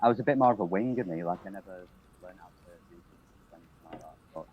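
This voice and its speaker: Tired guy, late 30s, low voice, halting and mumbly, muffled lo-fi call line. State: tired from staying up all night. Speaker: guest musician. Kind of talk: casual chat on a call.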